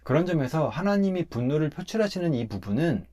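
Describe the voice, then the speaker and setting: A man, a pastor, talking through a Bible passage in a relaxed conversational way, emphatic as he explains step by step. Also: on the high side, brisk.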